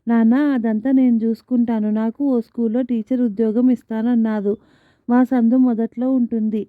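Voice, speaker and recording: A woman voicing a sharp-tongued young married daughter who talks in a sarcastic, curt way. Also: fairly high pitch, flat delivery, moderate pace, no echo, natural voice. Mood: pleading. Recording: tinny phone-like band, dry.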